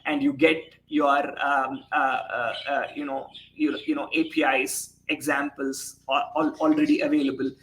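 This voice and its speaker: A man's voice: on the high side, fairly bright tone, poor audio. A man in his forties hosting a live product show over a video call, enthusiastic but hesitant and full of fillers. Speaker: host.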